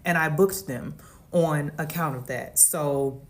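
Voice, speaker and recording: A low-pitched American woman speaks in a casual storytime style. She explains her situation plainly and matter-of-factly, as if addressing social media followers. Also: slow, slight background noise. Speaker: salon client.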